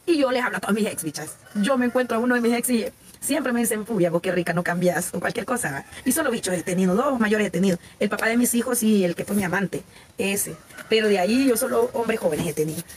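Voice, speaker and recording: A woman's voice: medium pitch, fast talker, a little hiss or hum. Chatty Salvadoran woman in her forties. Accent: Salvadoran Spanish. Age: 40s. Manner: talkative, candid, chatty with viewers, frequent restarts and laughter. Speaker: TikTok live streamer. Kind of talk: casual live-stream chat.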